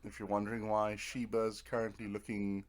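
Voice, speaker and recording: Half talking to himself with playful little words, a man rambles casually through let's play commentary while streaming a game. His voice is lowish and level, at normal speed. Clear noise from Netflix on a nearby TV sits in the background.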